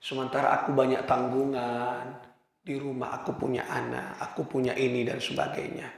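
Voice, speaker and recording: A man's voice: little pitch movement, moderate pace, gravelly, close to an everyday voice. A preacher voicing a poor, desperate father who pleads tearfully for food for his hungry children. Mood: weary lament. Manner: pleading, tearful crying out to God. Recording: booming reverberant hall.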